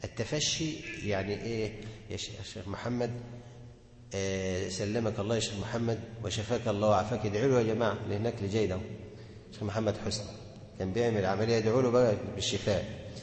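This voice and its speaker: A man's voice: fairly low pitch, steady tone, quick pace, darkish tone, slight background noise. Egyptian man teaching in an echoey hall. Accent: Egyptian Arabic. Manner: asks the class questions and answers them himself. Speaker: Quran recitation teacher. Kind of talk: classroom lesson on tajweed. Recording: echoey hall with long reverb.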